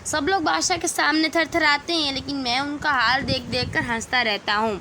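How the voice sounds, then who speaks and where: A woman's voice: high-pitched, steady tone, pushed and bright, slight background noise. A woman voicing a tiny, clever magical boy the size of a pea, speaking playfully in a storybook tale. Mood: amused. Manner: cheerful, playful, whispering at times.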